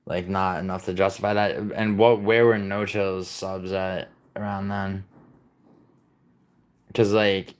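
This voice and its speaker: On a casual live stream, an Italian-born man raised in New York rambles and swears as he responds to his viewers, stumbling through fillers and restarts. He speaks slowly in a low voice with a level tone.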